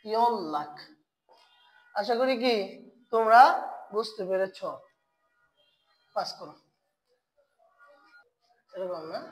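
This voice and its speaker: A woman teaching Korean pronunciation in an online lesson, asking questions and then answering them herself, and repeating key sounds slowly for her learners. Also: medium pitch, faint music behind, low-quality recording.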